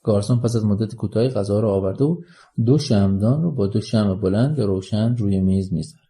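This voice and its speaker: A man narrating an audiobook written as a screenplay, reading stage directions and scene headings in a measured way. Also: on the low side, warm tone, slightly rough. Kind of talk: scripted narration of a screenplay-form story.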